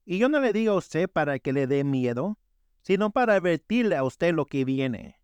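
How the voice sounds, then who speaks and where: A man's voice: on the high side, very animated, normal speed, darkish tone, clean tone, no room sound. A man preaching a sermon in Spanish, telling a story earnestly and crying out the voices of the people in it.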